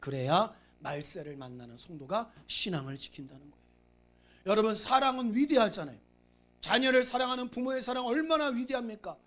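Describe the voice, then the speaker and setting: Here the preacher's voice is high-pitched, expressive and a bit bright, moving a little fast. He drives his sermon home through repeated emphatic urging and stories told to the congregation.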